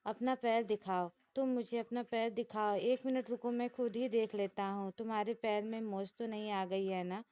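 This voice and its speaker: Storybook figure, childlike anxious young man read by a woman, fussy and doting, high-ish voice. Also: fairly even intonation, normal speed, hardly any pauses, warm tone, lightly acted. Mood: worried. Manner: fussy, pleading, repeats himself.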